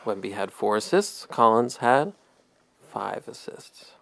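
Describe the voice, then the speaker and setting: A man's voice: on the low side, lively intonation, slow pace, gravelly, a bit bright, dry recording. A man co-hosting a sports podcast, chatting casually, rambling and chuckling at his own stat jokes. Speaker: podcast co-host.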